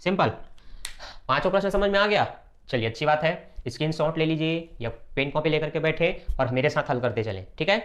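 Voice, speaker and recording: A man teaching a math lesson step by step, brisk and repetitive, often checking that students follow. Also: fairly high pitch, fairly bright tone.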